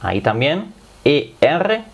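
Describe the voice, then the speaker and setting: A man's voice: fairly high pitch, sing-song, slow, vocal fry, husky. A man whose first language is German, speaking Spanish with a slight German accent, patiently teaching a language lesson step by step. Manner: patient, step-by-step explaining with frequent "es decir". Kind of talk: explanatory lesson.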